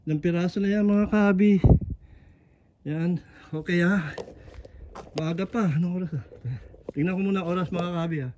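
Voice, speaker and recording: A man vlogging outdoors on a rocky shoreline at low tide, talking chattily to his viewers and slightly out of breath. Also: fairly even intonation, normal speed, pauses often, a little mellow, lo-fi sound, a little hiss or hum. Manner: chatty, repetitive, addresses viewers constantly. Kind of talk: casual on-the-spot vlog narration. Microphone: camera on a tripod.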